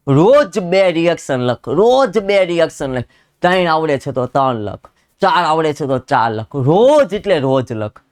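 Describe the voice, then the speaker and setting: Young male teacher, Gujarati accent, smooth higher voice, urgent exhorting delivery that repeats lines for emphasis. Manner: exhorting, scolding students, repeats phrases for emphasis. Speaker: chemistry teacher. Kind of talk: energetic exam-prep lecture.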